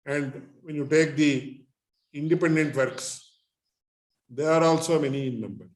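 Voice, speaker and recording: A man teaching in a measured, deliberate way, phrase by phrase, as in a scholarly religious lecture. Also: on the high side. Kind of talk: lecture on Sanskrit literature and philosophy. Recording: echoey, roomy sound.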